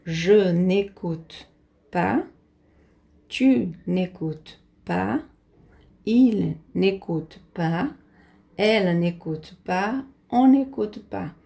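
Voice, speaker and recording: Slow, patient woman teaching French. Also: medium pitch, vocal fry, mellow. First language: Portuguese. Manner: patient, repeats each point carefully. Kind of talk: slow explanatory lesson.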